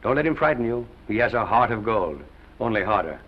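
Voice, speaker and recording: An actor playing a wry, fatherly male studio head who gives measured advice, in a 1930s film. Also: fairly low pitch, sing-song. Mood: advising. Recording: dull 1930s film soundtrack.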